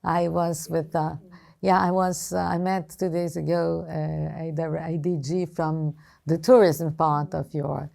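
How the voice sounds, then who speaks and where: A woman with a Brazilian accent speaks in a low, creaky voice with a mellow tone. She sounds like a diplomat in a formal interview, halting often as she searches for the right word in her second language. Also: level tone. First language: Portuguese. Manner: hesitant, halting, choosing words carefully. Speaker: ambassador being interviewed.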